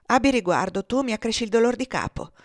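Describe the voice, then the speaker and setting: A woman's voice: on the high side, animated, fast talker, no echo, clean studio sound, voice pushed up, close to an everyday voice. A woman doing a languid complaining lady. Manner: languid, weary.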